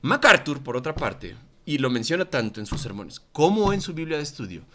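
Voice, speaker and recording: Animated Mexican man teaching Bible class. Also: a little high, a little fast, slight background noise. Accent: Mexican Spanish. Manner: animated, acts out quoted voices. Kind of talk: Bible study lesson to a congregation. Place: church meeting room. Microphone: microphone.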